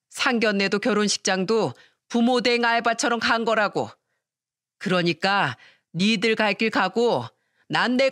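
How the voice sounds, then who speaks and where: A woman's voice: a little high, fairly bright tone, no echo, clean studio sound, voice pushed up. A woman voicing a shameless, scornful middle-aged mother-in-law in a storytelling radio reading. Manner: scornful, defiant.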